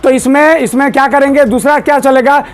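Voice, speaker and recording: A male teacher giving a grammar lesson in a classroom, drilling students with repeated questions and asking them to answer loudly. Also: very high voice, fairly even intonation, a little fast. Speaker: English teacher.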